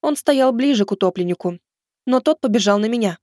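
Brave young female scout , voiced by a man, high and animated, blunt delivery. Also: fairly quick, dry recording, clean studio sound. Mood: firm. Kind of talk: audiobook character voice.

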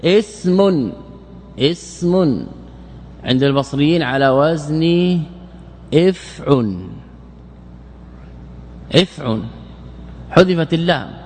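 Man, fairly high voice, lecturing in a hall with long reverb, quizzes himself as he goes. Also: slow pace, long pauses, slight background noise. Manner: repeats words, asks and answers his own questions. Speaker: sheikh teaching Arabic morphology. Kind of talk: classroom lecture explaining grammar.

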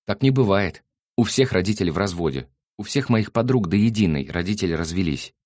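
A man's voice: fairly quick, dry recording, clean studio sound, natural voice. A man voicing an impulsive, easily hurt young woman in an audiobook, lifting his voice into a pleading, emotional tone. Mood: indignant. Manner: raised pitch, pleading and emotional.

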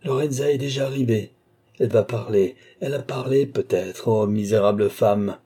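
A man's voice: on the low side, normal speed, warm tone, husky. A man voicing a feverish, obsessive male sorcerer who speaks in intense, willful incantations. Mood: desperate.

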